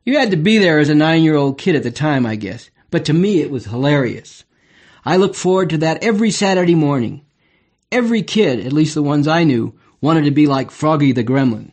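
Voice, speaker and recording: An older man reading his memoir aloud, slightly higher-voiced than most men. His delivery is wry and reflective, steady and unhurried. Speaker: memoir narrator.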